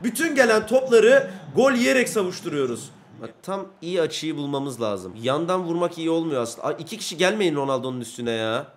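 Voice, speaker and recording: A young man commentating his own football video game match, excitable and often frustrated, yelling at goals and misses. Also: a little high, brisk, few pauses. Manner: excitable, yells at goals and mistakes. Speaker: gaming YouTuber. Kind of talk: gameplay commentary.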